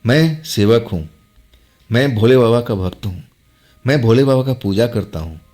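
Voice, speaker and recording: A man's voice: medium pitch, moderate pace, a little mellow, lightly acted. A man voicing a stern, devout father who firmly reassures his son in a told horror story.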